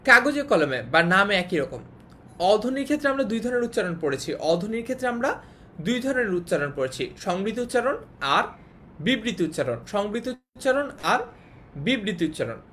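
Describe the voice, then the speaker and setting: A woman's voice: very animated, fairly quick, a bit bright. A woman teaching an online class, explaining patiently, repeating key points and checking that students follow. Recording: faint noise and low rumble.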